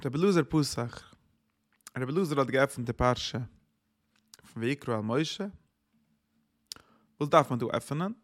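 A man's voice: mid-range voice, expressive, a little slow, pauses often. A man giving a Torah sermon as a rabbi, preaching earnestly in a singsong cadence that swells when he quotes verses.

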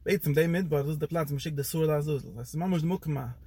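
Male Torah teacher, somewhat high and husky voice, animated rambling lecture delivery. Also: fast talker, no room sound. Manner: animated, pitch jumps up and down for emphasis.

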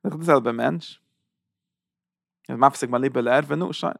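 Man, Torah sermon, sing-song chanting, repeats phrases for emphasis, gravelly, dry close sound. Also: mid-range voice, moderate pace, dry recording. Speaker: preacher giving a Torah talk.

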